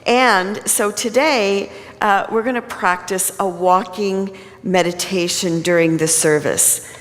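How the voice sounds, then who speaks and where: A woman's voice: medium pitch, steady tone, takes it slowly. A woman minister giving a conversational sermon at a pulpit microphone in a church. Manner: conversational, plain-spoken. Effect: speaking at a pulpit microphone. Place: church sanctuary. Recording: long reverb of a large hall.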